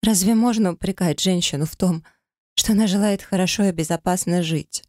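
A man's voice: a little fast, darkish tone, no echo, clean studio sound, lightly acted. A man voicing a young deceitful wife who pleads, sobs and shrieks in a raised voice, in an audiobook reading. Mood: pleading. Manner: pleading, sobbing, shrill.

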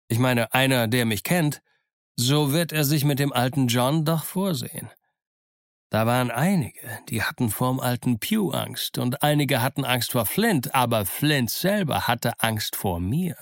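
A man's voice: mid-range voice, vocal fry, no echo, clean studio sound. A man voicing Long John Silver, a sly boastful old pirate. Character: cunning boastful older male pirate cook.

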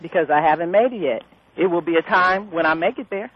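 A woman's voice: fairly low pitch, quick pace, husky, dry recording. Female radio caller, defiant, insistent, dull lo-fi line. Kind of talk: call-in radio argument.

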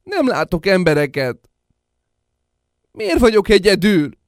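A man playing a stammering, booming giant newborn. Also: very animated, dry recording, clean studio sound. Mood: wondering, hungry. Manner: stammers, then booms hungrily. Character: giant newborn male baby, hungry, wild. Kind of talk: radio play acting.

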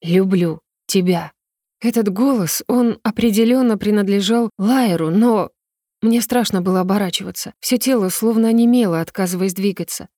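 A woman reading a story aloud in the first person as an audiobook narrator, with an emotional delivery that rises in pitch on the heroine's own lines. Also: a little fast, warm tone, no room sound, studio quality.

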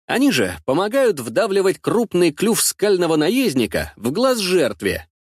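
Guy reading a first person audiobook, wry and lively, swingy voice, slightly high. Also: a little slow, slightly rough, no echo, studio quality. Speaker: narrator.

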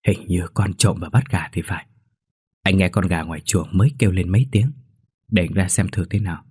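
A man voicing a gruff village father. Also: low-pitched, a little fast, dry recording. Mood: cautious. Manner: shouting, scolding. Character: gruff village father and butcher, shocked and angry.

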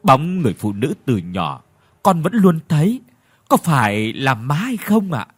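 A man voicing a cold, sharp young daughter speaking firmly in a ghost story. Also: on the high side, sing-song, unhurried, slightly rough, no room sound, studio quality, full character voice. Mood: pleading. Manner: cold and firm.

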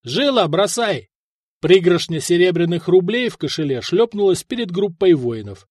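A man reads a historical adventure aloud, shaping each sentence with dramatic color. His voice sits fairly high for a man and moves a lot in pitch. The sound is close and dry. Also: normal speed, no echo. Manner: expressive, dramatic storytelling. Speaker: narrator. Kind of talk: audiobook narration of historical fiction.

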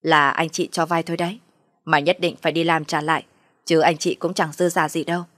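A woman's voice: low voice, flat delivery, brisk, fairly bright tone, no room sound, clean studio sound. A woman voicing an exasperated husband who firmly defends his wife. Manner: firm irritated snapping.

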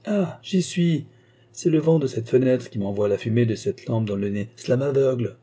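A man voicing a blustering, hearty old gentleman card player in an audiobook, boisterous and full of exclamations. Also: mid-range voice, moderate pace, natural voice.

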